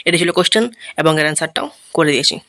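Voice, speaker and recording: A man with a Bengali accent teaches English in an informal tutorial, reading and translating line by line and explaining each step. His fairly high voice is rapid-fire, bright, and forceful, and he keeps checking that students follow with short tag questions.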